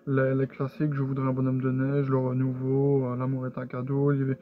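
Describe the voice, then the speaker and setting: A man's voice: mid-range voice, monotone, fairly quick. A man casually showing his purchases in a haul video, talking hesitantly with many fillers and restarts. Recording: tinny lo-fi sound with faint music.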